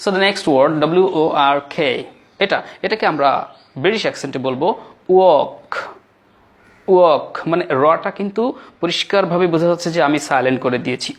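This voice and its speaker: A man with a Bengali accent explains a lesson at a classroom whiteboard. His voice sits a touch high for a man. He works through each point step by step and repeats every example word slowly so learners can copy it. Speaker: English teacher.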